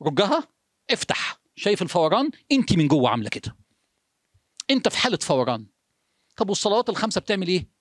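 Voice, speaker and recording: Egyptian guy preaching fast, rhetorical questions nonstop, goes quiet and slow to stress a point, dry voice. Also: high voice, big pitch swings, no echo. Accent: Egyptian Arabic. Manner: asks the listener rhetorical questions in quick succession; shifts between urgent speech and hushed, slowed phrases. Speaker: religious speaker. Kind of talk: motivational sermon talk.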